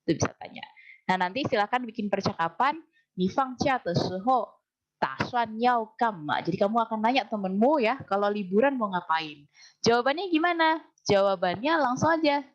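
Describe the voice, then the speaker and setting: A woman teaching a language class. She explains things patiently, slows right down to drill phrases, and keeps quizzing her students. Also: on the high side, lively intonation, muffled recording. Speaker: Mandarin teacher.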